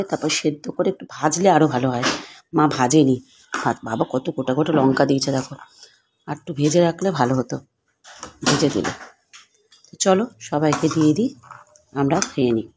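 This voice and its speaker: A woman's voice: deep voice, moderate pace, pauses often. Chatty woman vlogging from a noisy kitchen. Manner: chatty, talks to viewers as friends; speaks softly at times to keep quiet at home. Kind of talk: casual home cooking vlog. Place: home kitchen. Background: clattering dishes and cutlery.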